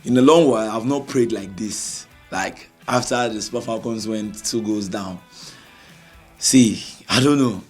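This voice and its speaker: A man, hoarse from screaming, co-hosting an excited sports chat and often repeating himself. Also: fairly low pitch, unhurried, faint music behind. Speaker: podcast co-host.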